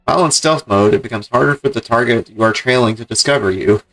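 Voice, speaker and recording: Guy game streamer, regular pitch, chats casually and reads the game text out loud. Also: fast talker, soft background music, poor audio. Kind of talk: casual gameplay commentary and reading game text aloud.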